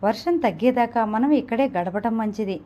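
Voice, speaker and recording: A woman voicing a calm male chauffeur. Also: a little high, normal speed, close to an everyday voice. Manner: calm, lightly amused.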